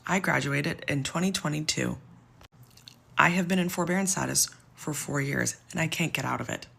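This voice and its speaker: Low-voiced frustrated woman venting. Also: normal speed, gravelly, a bit bright, slightly rough. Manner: frustrated, exasperated, near tears. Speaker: social media poster. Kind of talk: personal complaint vlog.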